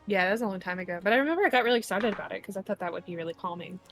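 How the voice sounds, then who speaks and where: Chatty woman, mid pitch, rambling while gaming on stream, faint game music behind. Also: racing. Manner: chatty, rambling with fillers and restarts. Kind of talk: casual chat while gaming.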